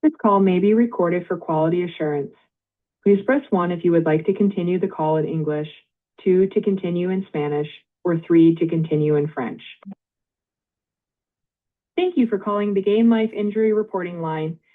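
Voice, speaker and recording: Automated phone-line woman's voice, tinny. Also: fairly low pitch. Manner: polite, measured, reads back details. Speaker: AI phone intake agent. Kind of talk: scripted automated phone prompts.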